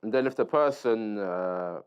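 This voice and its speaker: A man with a fairly low, smooth voice speaks unhurriedly as he leads an informal Islamic lesson, reading aloud and explaining along the way. He checks in with his listeners using short tags. The recording sounds dull and lo-fi.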